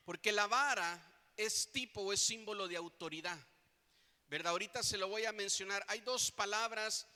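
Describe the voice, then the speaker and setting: A man's voice: sits high, sharp tone. A male pastor with a Mexican Spanish accent preaching a sermon in a church, often asking his congregation questions and tagging lines with "right?". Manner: preaching with rhetorical questions, tag "¿verdad?". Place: church hall. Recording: echoey church hall.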